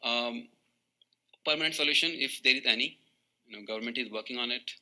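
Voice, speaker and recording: A man's voice: mid-range voice, fairly quick, pushed and bright. A man with an Indian accent giving a blunt, matter-of-fact explanation as a guest panelist.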